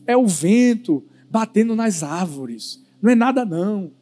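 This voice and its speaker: A man doing a calm, soothing storybook husband. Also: high-pitched, measured pace. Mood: reassuring. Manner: soothing and reassuring. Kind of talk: bedtime story told in a sermon.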